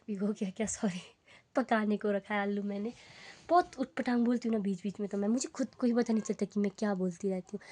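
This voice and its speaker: A woman's voice: mellow, slightly rough. A young woman in a casual home vlog, chatting to viewers in a rambling, friendly way. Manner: high sing-song baby talk to her child. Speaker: vlogger.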